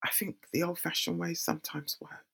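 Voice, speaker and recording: A woman's voice: on the low side, a little fast, gravelly, slightly rough. A middle-aged woman, giving a talk on community and youth safety and acting out her own reactions as she tells stories. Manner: animated storyteller who acts out her own reactions. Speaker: community speaker.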